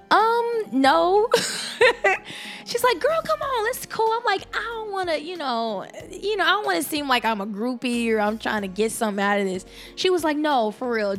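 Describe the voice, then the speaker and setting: A young adult woman hosting a podcast, telling stories in an animated, excitable casual chat. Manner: animated, excitable storytelling with big pitch jumps. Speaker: podcast host.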